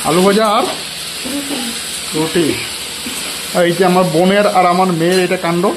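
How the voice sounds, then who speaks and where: A chatty mother films a casual family vlog in and around her home, asking a child questions as she goes. Her voice is on the low side, with fairly even intonation and a measured pace. The handheld recording picks up background noise.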